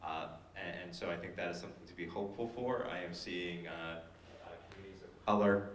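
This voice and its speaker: Deep-voiced hesitant man on a panel. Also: fairly even intonation, brisk, far from the mic, a little hiss or hum. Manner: hesitant, many fillers and restarts. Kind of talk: panel discussion. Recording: echoey hall, voice from afar.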